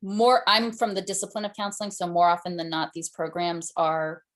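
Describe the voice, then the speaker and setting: Lower-pitched woman answering questions. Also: flat delivery, brisk, a bit bright. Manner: conversational, with fillers and restarts. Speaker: presenter. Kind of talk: conference Q&A answer.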